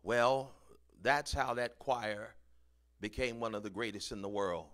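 A man preaching a sermon as pastor, leading the congregation in call-and-response and building to shouted peaks. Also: on the low side, measured pace.

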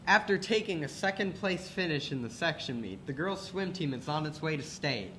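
A man's voice: a little high, expressive, normal speed, bright, forceful tone, a little hiss or hum. A teenage boy anchoring scripted school announcements, with a playful, joking delivery. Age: teens.

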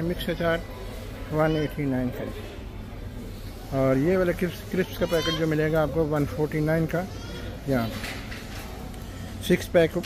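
Guy vlogging in a supermarket on his phone, kinda high voice, lots of shop noise. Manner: chatty, lists prices, says "ji" and "janab". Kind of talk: casual shopping vlog walkthrough. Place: supermarket aisles. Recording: noisy shop background.

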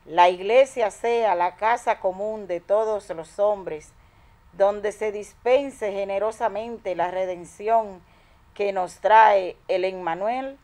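A woman lector reading the prayers of the faithful at a lectern in a small chapel, slowly and carefully. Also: mid-range voice, mellow.

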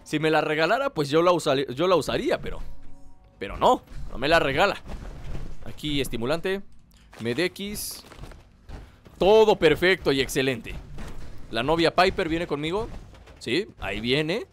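A man's voice: on the high side, sing-song, a little slow, pauses often, faint music behind. A man with a Mexican accent giving casual let's play commentary, playful and rambling as he plays. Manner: playful, rambling to himself and viewers. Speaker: gaming host. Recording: game noise behind the voice. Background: video game ambience.

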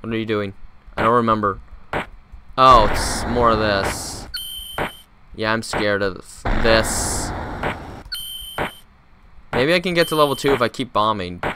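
A man giving casual, excitable commentary while playing a bullet-dodging game, reacting with jokey exclamations. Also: fairly low pitch, unhurried, long pauses, noisy background. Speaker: gameplay commentator. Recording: loud game sound effects behind.

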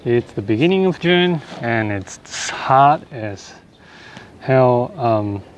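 A young man filming a casual travel vlog outdoors with a phone camera at arm's length, talking in a relaxed way with filler ums. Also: mid-range voice, slow, lo-fi sound, slight background noise. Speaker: vlogger. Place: outdoors on town streets and at stations.

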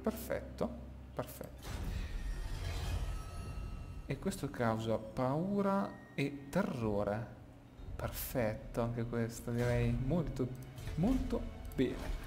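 A man's voice: mid-range voice, expressive, takes it slowly, music in the background. Man in an echoey small room. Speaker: gaming YouTuber. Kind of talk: casual gameplay commentary. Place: small room emptied of furniture, indoors. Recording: echoey small empty room, clear background noise.

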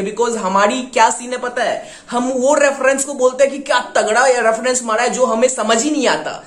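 A man hosting a music reaction video, talking with excitement and mixing Hindi with English slang. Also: extremely high pitch, echoey room. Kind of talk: casual reaction commentary.

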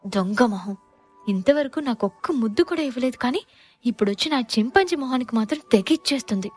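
A woman's voice: a little high, animated, fairly quick, darkish tone, soft background music. A woman voicing a teasing, sarcastic young husband in an audio story, talking in a bantering, mock-exasperated way. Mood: grumbling.

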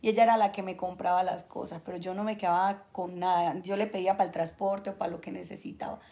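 A young woman, host of a spiritual healing show, telling an emotional family story in a casual, animated way. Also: fairly low pitch, fast talker. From Colombia.

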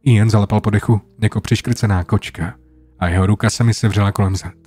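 Man reading a creepy story, very low husky voice, soft guitar underneath. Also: fairly even intonation. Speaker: creepypasta narrator. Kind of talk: scripted horror narration. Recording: soft guitar music behind.

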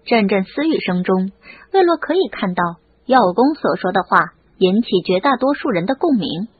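A woman narrating a novel audiobook in an expressive storytelling manner. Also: medium pitch, moderate pace, husky. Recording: lo-fi phone-like audio. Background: faint music.

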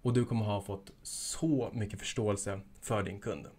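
A young man giving a casual instructional talk as an e-commerce coach, energetic and hyping things up with jokey asides. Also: lowish voice.

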